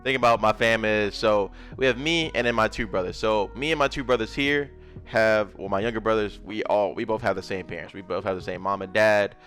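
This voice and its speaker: His voice is fairly low and fairly bright, and he speaks a little fast over soft background music. A young adult gaming content creator from Memphis, Tennessee, he has a Southern accent and casually recounts his life story while drawing, rambling and making little sound effects.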